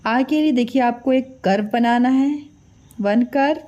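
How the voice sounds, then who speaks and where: A woman's voice: a little high, measured pace, warm tone, highs cut off. A woman teacher giving a children's alphabet lesson, patiently repeating each sound and quizzing the children. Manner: mixes English drawing words into her talk. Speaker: Hindi teacher.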